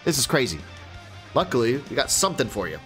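A man with a bright, forceful voice commenting on a game battle. He swings widely in pitch and repeats his exclamations as he banters with his opponent, with faint music behind him. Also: very animated, quick pace. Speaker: gaming video host playing a battle against a friend. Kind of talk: excited gameplay banter.

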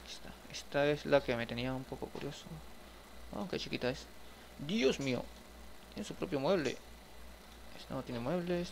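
A man's voice: fairly high pitch, vocal fry, slight background noise. A man giving casual gameplay commentary, chatting to his viewers as he furnishes a house in a game. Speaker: gaming streamer.

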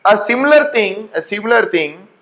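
A man in his thirties with an Indian accent, teaching in an animated storytelling way, repeating phrases and asking rhetorical questions. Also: high-pitched, normal speed. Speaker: tax law teacher. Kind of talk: lecture with acted-out anecdotes. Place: indoor classroom at a whiteboard. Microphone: lapel mic.

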